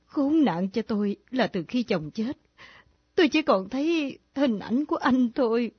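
A woman's voice: on the high side, animated, measured pace, husky, no room sound, exaggerated voice. An actress playing a grieving widow in her thirties who confesses a secret love with earnest pleading, in a radio drama. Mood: remorseful. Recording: dull lo-fi old radio recording.

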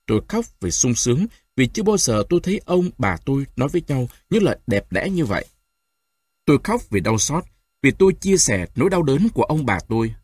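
Expressive male audiobook narrator. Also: medium pitch, a little fast, breathy edge, dry recording. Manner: expressive storytelling. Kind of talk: audiobook reading.

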